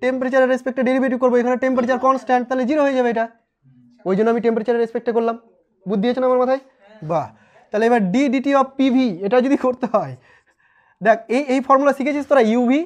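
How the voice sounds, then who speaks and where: A man's voice: very high-pitched, fairly even intonation, racing. A man teaching a physics lesson at a board, chatty and teasing, quizzing his students and answering for them. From West Bengal, India. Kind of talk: informal whiteboard lesson.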